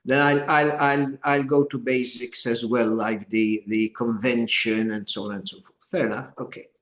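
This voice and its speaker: Echoey older man, halting and deliberate. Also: medium pitch, steady tone, a bit bright. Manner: halting, deliberate, repeats words. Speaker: former judge giving a training session. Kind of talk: informal lecture opening, addressing a group. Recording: echoey room.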